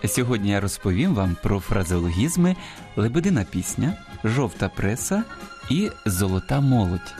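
A man presenting a scripted radio program on language, slowly and deliberately pronouncing example words. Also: on the low side, big pitch swings, music in the background.

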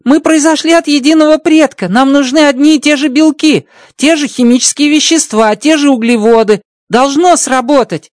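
A man voicing an excitable male spider-like alien engineer in an audiobook, speaking in broken grammar. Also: extremely high pitch, normal speed, few pauses, no echo, clean studio sound, pitched above the performer's own voice. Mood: pleading, upset. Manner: broken grammar, tags questions with a spoken word. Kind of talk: audiobook character voice.

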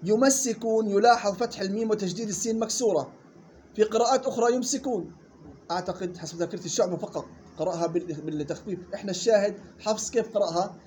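A man teaching Quran recitation rules. He models the words slowly and quizzes his students. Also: high-pitched, darkish tone, slight background noise. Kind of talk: tajweed lesson.

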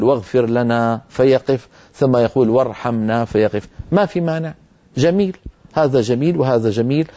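A middle-aged Syrian man teaches Quran recitation on a broadcast lesson, drawing out letter sounds syllable by syllable. His voice is mellow and unhurried. The audio is a little muffled, like an old TV recording. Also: medium pitch.

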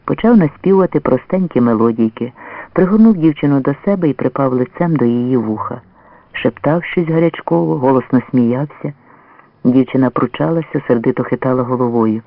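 A man reading a story aloud as a measured, expressive first-person narrator. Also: mid-range voice, no room sound. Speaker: audiobook reader. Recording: dry, narrow phone-like lo-fi sound.

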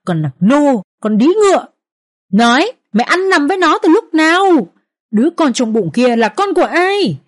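A woman's voice: high-pitched, sing-song, moderate pace, dry recording, clean studio sound, voice pushed up. Woman voicing a shrieking furious old matriarch. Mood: enraged shrieking. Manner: screeching curses, scolding. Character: shrill furious old matriarch, the elder mistress.

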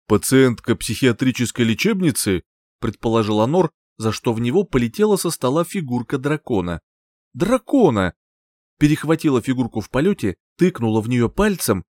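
A man reading an audiobook in first person, expressive and lively, close to the mic. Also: medium pitch, dry recording. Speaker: audiobook reader. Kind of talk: scripted narration.

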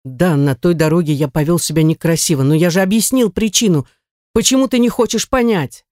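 A reader voicing a hot-tempered, pushy young man with a lower, blunt and insistent delivery, in an audiobook. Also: fairly quick, darkish tone, no echo, clean studio sound, lightly acted. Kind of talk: audiobook character voice.

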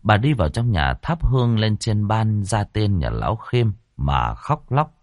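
In a low, lively voice full of rises and falls, a man tells a horror story with expressive, animated delivery. He speaks a little slowly, and the sound is dry and close with no room sound.

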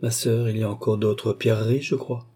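A man reading an audiobook, voicing a stern and ceremonious young nobleman in a solemn, measured way. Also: fairly low pitch, steady tone, warm tone, slightly rough. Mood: grave.

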